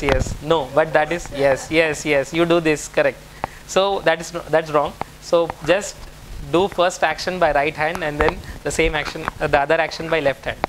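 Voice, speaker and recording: A man in his thirties with a slightly high voice leads a live instructional session in a small room. He repeats each step and keeps encouraging the listeners. A faint hum runs underneath. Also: poor audio. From India. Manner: repetitive step-by-step coaching, encouraging. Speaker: speaker leading a brain exercise talk. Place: small indoor room with whiteboard and banner.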